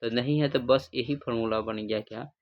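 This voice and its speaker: A man's voice: medium pitch, steady tone, a little fast, highs cut off. A male math teacher. He gives a livestream classroom lesson in call-and-response style, asking questions, repeating the answers and calling his students "babu".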